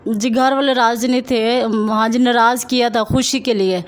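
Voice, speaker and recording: A woman's voice: on the high side, fairly even intonation. A woman dancer answering an interviewer's questions, defensive and irritated when pressed. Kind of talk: street interview.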